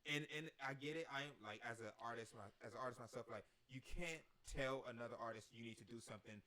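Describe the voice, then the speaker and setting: A man's voice: mid-range voice, sharp tone. Rambling man in casual podcast chat. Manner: fast, rambling, many restarts. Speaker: podcast host.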